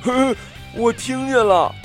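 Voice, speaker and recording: A man voicing an excitable little meatball creature that squeals with eagerness. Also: a little high, unhurried, soft background music, pitched above the performer's own voice. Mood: triumphant.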